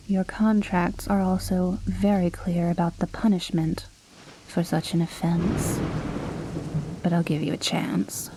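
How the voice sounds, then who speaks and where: In a scripted ASMR roleplay monologue, a woman plays an imperious, menacing vampire noblewoman, speaking in a soft, breathy half-whisper with cool, formal condescension. Her lowish voice is slow, measured and stern. The low-quality recording has slight background noise and a rainstorm with thunder playing behind.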